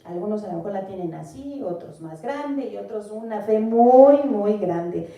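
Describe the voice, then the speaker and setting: In an echoey room, heard from a distance, a woman with a warm, mid-range voice teaches the Bible earnestly and questions the listener. She is from Mexico and has a Mexican Spanish accent.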